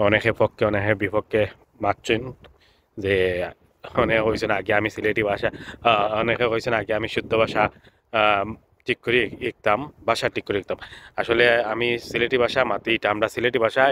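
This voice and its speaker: A man's voice: fairly low pitch, a bit bright, a little hiss or hum. A man from Sylhet with a Sylheti accent, chatting casually as he films a vlog outdoors by a lake, repeating himself and using many filler sounds. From Sylhet, Bangladesh. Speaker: vlogger.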